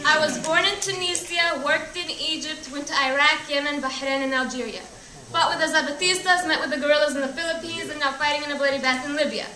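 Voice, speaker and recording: A woman's voice: high-pitched, fast, bright, forceful tone. A teenage girl performing spoken word poetry at a student slam, with an impassioned delivery that runs through lists. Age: teens. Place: school hall. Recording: echoey hall from far off.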